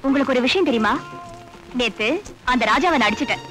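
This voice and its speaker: A woman's voice: a little high, expressive, fast, fairly bright tone. An actress playing a feisty young woman who answers back with mocking retorts, in a film with music behind. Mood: playful.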